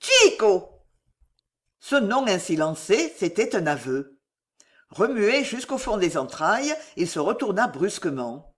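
Expressive woman narrating a novel. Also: medium pitch, measured pace. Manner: dramatic, expressive. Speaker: audiobook narrator.

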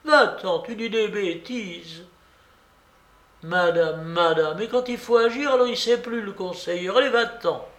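A man voicing an imperious, quick-tempered rich old grandmother in an audiobook reading, shrill and scolding as she barks orders. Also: creaky, fairly bright tone, exaggerated voice. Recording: roomy echo.

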